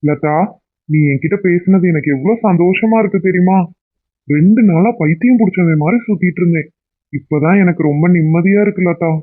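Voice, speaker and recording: Voicing a young cartoon husband, a man speaks fairly quickly in a high, husky voice as he pleads with his wife and affectionately reconciles. The audio has a tinny, phone-like quality.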